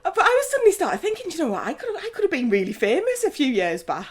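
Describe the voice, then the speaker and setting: A woman's voice: high voice, wildly swooping pitch, rapid-fire. A woman in her thirties co-hosting a casual podcast, telling stories with lots of giggles. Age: 30s. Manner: giggly, candid storyteller. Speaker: podcast co-host. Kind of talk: casual chat.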